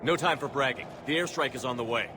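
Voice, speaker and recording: An actor playing a no-nonsense human military commander in a video game, direct and authoritative. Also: male voice, medium pitch, fast, heavy background noise, close to an everyday voice. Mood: firm, impatient. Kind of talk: video game character acting.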